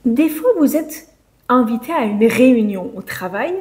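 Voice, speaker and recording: Woman teaching beginners, kinda high voice, super slow, says every example carefully. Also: lively intonation, darkish tone. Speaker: French teacher. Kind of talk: slow, clear language lesson for beginners.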